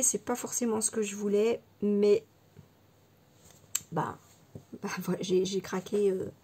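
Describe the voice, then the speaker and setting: A woman vlogger showing her scrapbooking purchases in a chatty, fond way, full of little fillers, sometimes dropping to a soft near-whisper. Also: mid-range voice, slightly rough. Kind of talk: casual haul show-and-tell.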